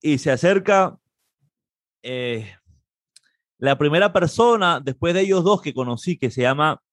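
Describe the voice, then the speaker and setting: Animated Peruvian man telling a story. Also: a little high, measured pace, no echo, clean studio sound. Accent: Peruvian Spanish. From Peru. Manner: animated, acts out quoted dialogue in a raised voice. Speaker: interview guest, trombonist. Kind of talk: casual anecdote telling.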